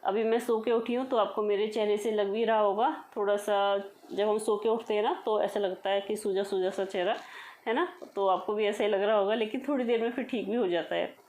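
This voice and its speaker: A woman's voice: medium pitch, steady tone, brisk, a little mellow, poor audio. A woman in her thirties chatting casually to viewers in a home vlog, talking to them directly. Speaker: vlogger.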